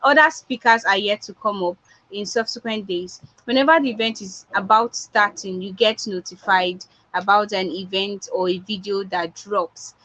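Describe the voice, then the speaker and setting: A sharp-toned woman with a Nigerian accent talks at normal speed in a mid-range voice. As a public speaking coach, she's giving a motivational talk online and restating points for emphasis, all in dull, lo-fi online audio.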